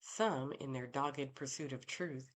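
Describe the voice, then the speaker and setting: A woman reads a first-person mystery audiobook with a very deep, low-pitched voice. Her delivery is calm and even, the steady pace of a seasoned narrator. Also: takes it slowly.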